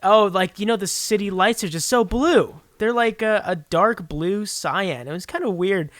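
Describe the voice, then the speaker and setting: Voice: medium pitch, moderate pace, fairly bright tone, no room sound, studio quality. A podcast guest talking casually about a film, joking and laughing often.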